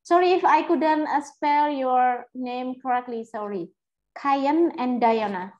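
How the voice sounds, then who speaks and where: Woman law lecturer, fairly high voice, repeats questions, calls on students. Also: takes it slowly, darkish tone, dull audio. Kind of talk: interactive lecture.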